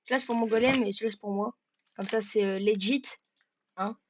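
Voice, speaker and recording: A woman giving let's-play commentary in a joking way. She stammers and repeats words, and bursts into shouts at the game. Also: mid-range voice, fairly even intonation, quick pace, muffled recording, noisy background. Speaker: gaming video creator.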